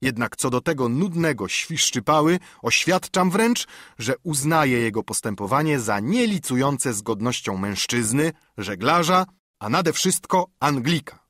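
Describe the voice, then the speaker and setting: A man's voice: medium pitch, animated, unhurried, fairly bright tone, dry recording, studio quality. A man reading an audiobook, voicing a haughty, indignant older squire with a pompous manner. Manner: huffy, pompous.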